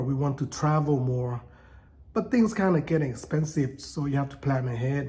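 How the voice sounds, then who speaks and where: A man in his fifties who grew up in Thailand talks unscripted to camera, stopping and restarting often with plenty of fillers. His voice sits at an ordinary pitch with a soft, mellow tone. It feels like an easygoing home vlog. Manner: halting, many fillers and restarts. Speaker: vlogger. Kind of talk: casual unscripted talk to camera.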